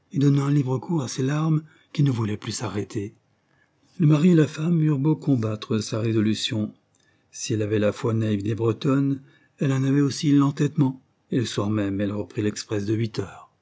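A fairly low-pitched male audiobook reader narrates a classic story from a script. His storytelling is measured and even.

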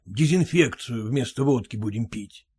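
A man's voice: medium pitch, expressive, normal speed, a little mellow, breathy edge, voice pushed down. A man voicing a fussy, self-important merchant husband who lectures and grumbles. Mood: grumbling. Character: pompous fussy merchant husband, fearful of typhus.

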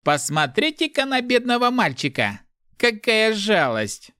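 A man's voice: high voice, big pitch swings, normal speed, sharp tone, no echo, studio quality, pitched above the performer's own voice, full character voice. A man voicing a sneering, relentless spirit. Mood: mocking. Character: mocking male spirit voice inside a head.

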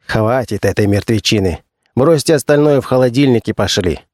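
A man's voice: mid-range voice, expressive, normal speed, a little mellow, no echo, studio quality, close to an everyday voice. A man reading an audiobook voices a harsh, commanding female gang leader who barks contemptuous orders. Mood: bossy.

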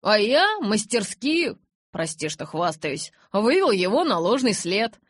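A woman voicing a cheerful, cocky young werewolf man who talks loudly and boastfully. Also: medium pitch, expressive, normal speed, lightly acted. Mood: cocky, breezy. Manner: cheeky, boastful, loud.

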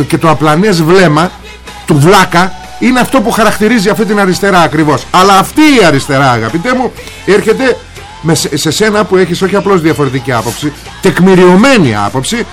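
Male talk host, fiery sarcastic monologue, higher voice, soft music bed. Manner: sarcastic, combative, addresses viewer directly. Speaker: TV political talk show host. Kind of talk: heated political monologue.

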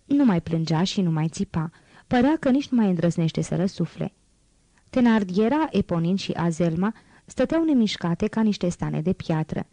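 A woman reads a novel aloud with steady, expressive care. Her voice is low and warm with a mellow tone. The recording is close and dry, without room sound. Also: no echo, rough recording. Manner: steady, expressive literary reading. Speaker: audiobook narrator. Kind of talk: scripted audiobook narration.

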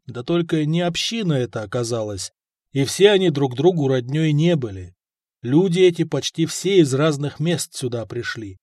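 A man narrating an audiobook in an even storytelling read. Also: a little high, dry recording, clean studio sound. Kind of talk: scripted narration.

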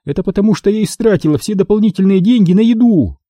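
A man reading an audiobook voices a sardonic young woman in a raised, higher voice. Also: quick pace, warm tone, no echo. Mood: sullen. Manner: indignant, sardonic. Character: sharp-tongued young woman, café owner's daughter.

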